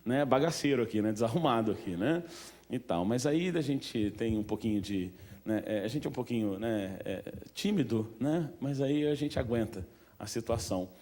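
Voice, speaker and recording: A man's voice: mid-range voice, expressive, normal speed, darkish tone. A man with a Brazilian accent giving an informal talk to an audience at a museum event, chatty and full of questions to the room. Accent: Brazilian Portuguese. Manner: chatty, asks the audience questions, many fillers.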